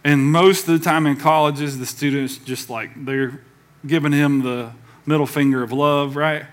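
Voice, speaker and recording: Pastor guy preaching, kinda high voice, punchy, gets the crowd to say it back. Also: fairly even intonation, moderate pace. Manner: emphatic, calls for congregation response; conversational with casual asides. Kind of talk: sermon.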